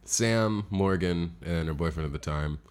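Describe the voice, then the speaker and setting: A man's voice: deep voice, measured pace, clean tone. A man co-hosting a podcast in casual chat, telling stories, laughing easily and swearing. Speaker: podcast co-host.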